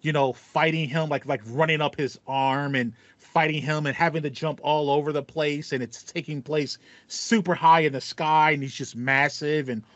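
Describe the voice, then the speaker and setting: A fairly high, slightly bright voice at a moderate pace belongs to a man in his thirties co-hosting a podcast. His tone is steady with few pauses as he rambles enthusiastically about video games and repeats phrases. He uses a headset on a video call in a small foam-treated home room, giving slightly muffled audio with no echo.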